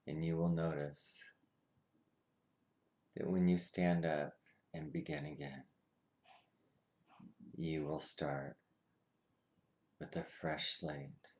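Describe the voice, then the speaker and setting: A man leading a guided meditation with slow, soothing instructions, his voice often dropping to a soft whisper. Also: very deep voice, flat delivery.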